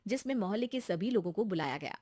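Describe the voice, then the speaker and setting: A woman's voice: mid-range voice, expressive, fast, mellow, no room sound. Dry-sounding female storyteller. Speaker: narrator. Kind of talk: scripted storybook narration.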